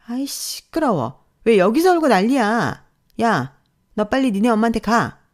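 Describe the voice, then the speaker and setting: A woman doing a vain young wife with a sharp tongue, snippy and scornful in every word. The voice is pushed up higher than a plain speaking voice, as in a told story. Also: sing-song, moderate pace, close to an everyday voice. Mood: angry. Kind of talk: storytelling role-play.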